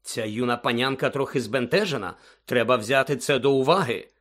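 A man's voice: mid-range voice, brisk, fairly bright tone, close to an everyday voice. A man voicing a fussy, condescending male government minister who soothes and fusses. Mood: patronizing. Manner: fussing, condescending.

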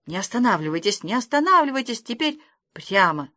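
A woman's voice: fairly high pitch, very animated, a little fast, sharp tone, no room sound, clean studio sound. A woman voicing an anxious small male gnome who whimpers and shrieks in a storybook reading. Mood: panicked. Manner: jittery, urgent.

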